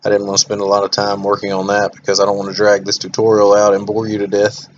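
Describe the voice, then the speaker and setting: Man, monotone, flat delivery, screen-recorded tutorial, dull recording. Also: lowish voice, fast, slight background noise. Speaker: software tutorial host.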